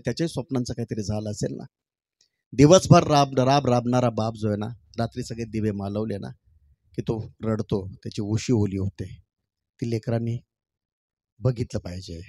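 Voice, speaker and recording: A middle-aged man performing poems on stage. He sings slow, drawn-out refrains and then talks casually with the audience. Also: medium pitch, no room sound, clean studio sound. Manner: sings poem refrains slowly and loudly, then talks warmly and chattily to the crowd. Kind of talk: stage poetry recital with talk to the crowd. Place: stage at a public event.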